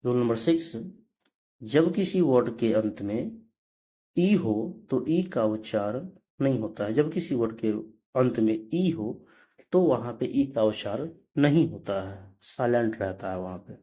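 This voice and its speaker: Slow, patient male pronunciation teacher. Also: medium pitch, expressive, warm tone. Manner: spells words letter by letter, then says them slowly; corrects himself mid-lesson. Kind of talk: slow explanatory lesson.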